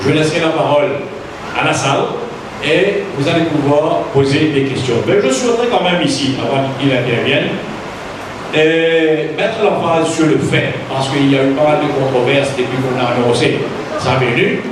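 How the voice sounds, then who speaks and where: A man hosting a public talk, introducing a speaker in deliberate, emphatic short phrases. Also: a little high. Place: large room with an audience. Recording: distant, very echoey hall, noisy.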